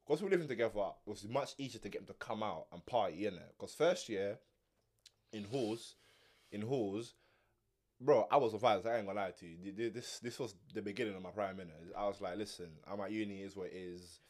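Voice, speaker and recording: A man's voice: on the low side, a little fast, a little mellow. A man in his twenties with a London roadman accent and heavy slang, bantering and telling stories insistently, often repeating his words. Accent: London roadman, urban slang-heavy. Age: 20s. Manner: insistent, repeats words, talks over others. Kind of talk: casual banter, storytelling among friends.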